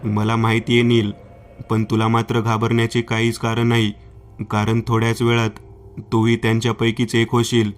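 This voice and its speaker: A man's voice: medium pitch, completely flat delivery, normal speed, a little hiss or hum, lightly acted. A man voicing a vengeful ghost woman of an island cave, cold and taunting, in a horror story.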